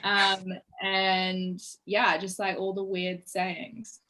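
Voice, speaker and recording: Bright-voiced New Zealand woman. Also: mid-range voice, completely flat delivery, extremely slow, rough recording. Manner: chatty, laughs often, leans on "like". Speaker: podcast guest. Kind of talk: casual interview chat.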